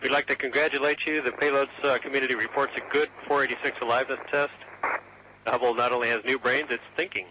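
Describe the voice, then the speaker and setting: Astronaut radio, male mission control communicator, rapid, formal phrasing, very noisy link. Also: medium pitch, fairly even intonation.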